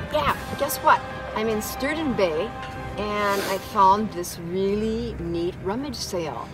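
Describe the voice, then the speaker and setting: Woman acting as bubbly eager gal pal in a skit, highish voice, music behind. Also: low-quality recording. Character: excitable, eager woman friend turned pirate recruit.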